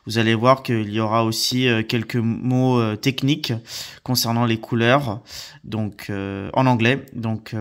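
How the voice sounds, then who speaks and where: A man teaching vocabulary from slides, hesitant with many fillers, repeating words slowly and carefully. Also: medium pitch. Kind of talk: slide-based vocabulary lesson.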